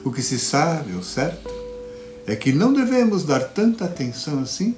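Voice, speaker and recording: Guy telling a fairy tale to kids, voice jumps all over, echoey room, guitar behind. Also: on the high side. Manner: lively, playful, dramatic pauses. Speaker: storyteller. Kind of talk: children's storytelling performance.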